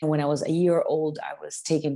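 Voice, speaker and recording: Interview guest: middle-aged woman, low voice, quick chatty delivery, lots of restarts. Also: level tone, creaky, mellow. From United States. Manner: fast, many restarts and repeated words. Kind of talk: casual interview talk.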